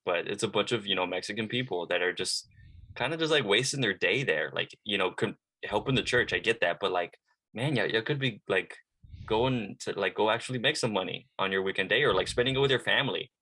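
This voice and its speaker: A man's voice: fairly low pitch, bright, forceful tone. A man in casual podcast chat, talking loosely with lots of slang and fillers. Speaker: former church member, podcast guest.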